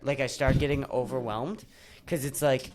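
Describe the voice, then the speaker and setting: A man's voice: medium pitch, fairly even intonation, moderate pace, a crowd in the background. A young man hosting a podcast in casual chat, jokey and teasing, often talking over his guests. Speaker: podcast host.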